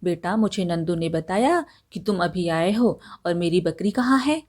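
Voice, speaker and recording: A woman's voice: fairly low pitch, lively intonation, unhurried, darkish tone. A woman doing a fretful old village woman. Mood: pleading.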